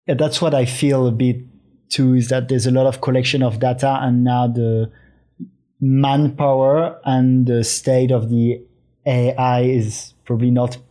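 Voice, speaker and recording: A male interviewer with a soft-edged, mellow tone and a mid-range voice. He talks reflectively and phrases his points tentatively, as a host thinking through a conversation. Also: medium pitch, flat delivery, unhurried.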